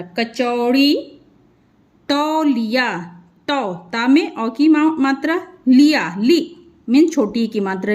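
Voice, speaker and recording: A woman teacher giving a reading lesson for children, spelling out syllables slowly and patiently and stretching each word. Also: sits high, a little mellow. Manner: patient explaining.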